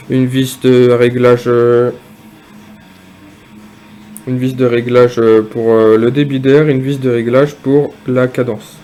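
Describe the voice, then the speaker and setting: A man casually demonstrating and reviewing a piece of gear, speaking hesitantly with frequent pauses and fillers. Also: medium pitch, dark tone. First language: French. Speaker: product reviewer.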